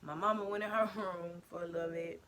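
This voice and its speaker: A young woman telling a storytime vlog story in an animated, slangy way, talking straight to her viewers. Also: fairly low pitch, a little fast, slight background noise. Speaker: vlogger.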